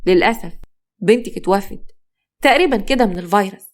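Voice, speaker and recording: A woman with an Egyptian accent reading a doctor who delivers bad news gravely and plainly. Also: mid-range voice, lively intonation, fast, close to an everyday voice. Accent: Egyptian Arabic. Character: somber hospital doctor, a man.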